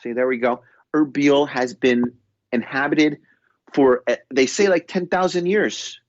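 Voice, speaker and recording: This New York State man, heard in London, has a New York accent and a mid-range voice that moves a little slowly. As a podcast co-host, he rambles through a casual chat full of restarts and stammers. The recording is dull, with no room sound.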